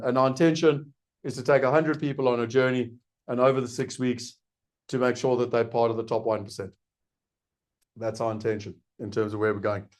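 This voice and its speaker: A middle-aged South African man, hosting an investment program, speaks earnestly and persuasively in a medium-pitched, somewhat dark voice. Like a live webinar host making a sales pitch, he raises listeners' questions and answers them himself.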